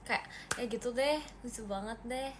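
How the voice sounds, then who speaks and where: A woman's voice: a little high, moderate pace, noisy background. Chatty teenage girl livestreaming. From Indonesia. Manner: chatty, mixes in English phrases, thanks viewers one by one. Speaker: livestream host. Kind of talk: casual livestream chat reading comments.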